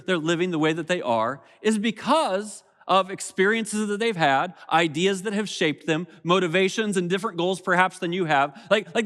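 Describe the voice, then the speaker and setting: A man preaching a sermon as pastor, conversational and animated, acting out little quotes from everyday people. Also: high-pitched. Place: church auditorium.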